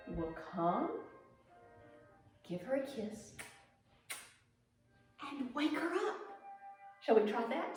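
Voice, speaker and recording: In a very reverberant room with music playing, a woman whose voice is on the high side and slightly mellow guides viewers through ballet mime gestures. Her demonstrative lesson relies on theatrical storytelling and encouraging prompts to follow along.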